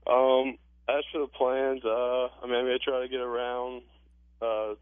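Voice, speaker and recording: A man in his late teens, a high school football player, answering casually in a halting, understated way. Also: little pitch movement, clean tone, no room sound. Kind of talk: casual phone interview. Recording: narrow, dry telephone line.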